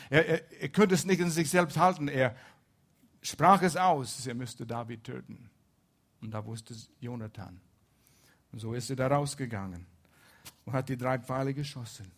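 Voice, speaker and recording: A man preaching a sermon, retelling a Bible story and shifting between soft asides and loud emphasis. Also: mid-range voice.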